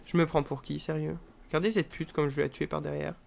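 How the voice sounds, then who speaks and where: A woman casually commentating her own gameplay, joking and swearing crudely, with sudden shouted outbursts. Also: sits low, flat delivery, fast talker, gravelly, noisy background. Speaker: gaming channel host. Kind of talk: casual let's play commentary.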